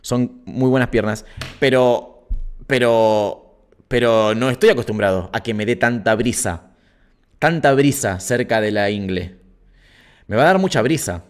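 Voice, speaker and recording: A man's voice: mid-range voice, expressive, unhurried, long pauses. A man with an Argentine accent hosting a casual livestream, chatting playfully and reading out viewers' comments. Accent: Argentine Spanish (Rioplatense). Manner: chatty, playful, self-mocking asides. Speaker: livestream host. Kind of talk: casual live-stream chat reading comments.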